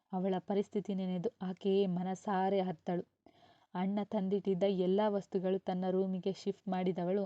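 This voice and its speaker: A woman reads a serialized novel aloud, calm and unhurried. Her voice is deeply mellow and dark, with a flat, steady delivery. The recording is dull, slightly lo-fi and completely dry. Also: dry recording. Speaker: storyteller.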